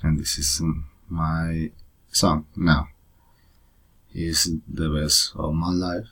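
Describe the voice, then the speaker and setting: A man presents his own life story in halting, hesitant English. His voice sits very low and sounds slightly husky. He talks slowly, stopping often to search for words. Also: little pitch movement, a bit bright. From Costa Rica. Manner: hesitant, frequent pauses and uh fillers, learner's English. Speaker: presenter of a personal photo story.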